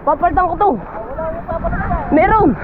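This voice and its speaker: A man vlogging outdoors while swimming in a river, out of breath, laughing and shouting excitedly. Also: very high-pitched, normal speed, narrow, tinny audio, over a noisy crowd. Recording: noisy outdoor recording by water. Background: splashing water.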